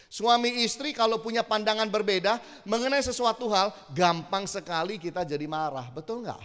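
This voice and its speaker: Middle-aged male pastor, animated conversational sermon, high voice, long church hall reverb. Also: moderate pace. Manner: animated, conversational, acts out quotes.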